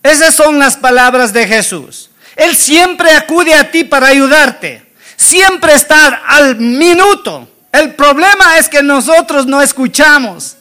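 A man's voice: very high voice, lively intonation, slow pace, sharp tone. A man preaching a sermon, dramatic and acting out the Bible scenes, often asking the congregation questions. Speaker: pastor.

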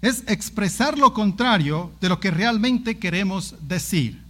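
High-voiced man preaching with emphasis. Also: measured pace. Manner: emphatic, animated, with exclaimed asides. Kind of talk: sermon on a Bible passage.

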